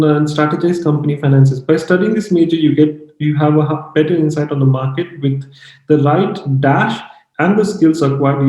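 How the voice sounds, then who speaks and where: A man's voice: on the high side, dark tone, reverberant, poor audio. A man, a test-prep trainer, talks through a reading mock test, explaining parts of speech as he thinks aloud with fillers and restarts.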